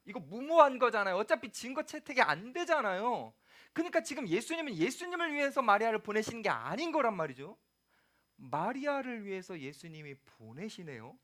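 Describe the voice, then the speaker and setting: A man's voice: high-pitched, a bit bright. A man preaching a sermon to young adults in a conversational way, asking the congregation questions and acting out quoted lines. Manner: acts out quoted lines, sometimes dropping to a whisper; humorous personal asides. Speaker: youth pastor.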